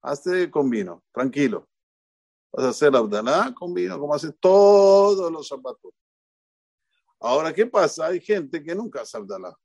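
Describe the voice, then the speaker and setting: Lively Argentine rabbi preaching. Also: male voice, fairly high pitch, unhurried, creaky, no echo. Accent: Argentine Spanish. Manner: lively, jokey, questions the audience, repeats for emphasis. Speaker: rabbi giving a Torah talk. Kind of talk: informal sermon to a congregation. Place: synagogue.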